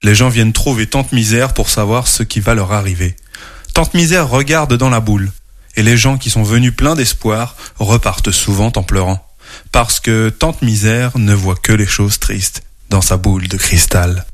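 A man hosting a children's show, teaching English words slowly and telling a storybook tale. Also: lowish voice. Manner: slow, clear, spells out words for kids.

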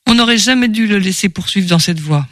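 A man voicing a weary, blunt middle-aged ex-husband in an audiobook, hesitant and gruff. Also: high voice, lively intonation, a little fast, a bit bright, no room sound, clean studio sound. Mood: grim.

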